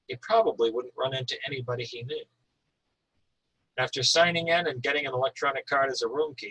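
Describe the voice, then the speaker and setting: A man from Northern Maine, USA, reads from his own thriller and chats informally about the craft of writing. His voice is medium-pitched, bright and forceful, with a husky quality. The recording is low quality.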